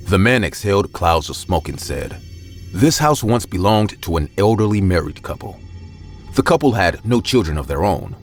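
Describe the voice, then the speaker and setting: A man narrating a scripted horror story with a steady storytelling delivery. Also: deep voice.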